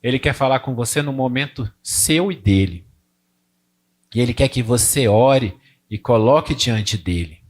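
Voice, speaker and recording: A man's voice: medium pitch, a little slow. A man, a pastor giving a conversational sermon who tells stories and acts out prayers. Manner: informal, storytelling, acts out prayers and dialogue with God.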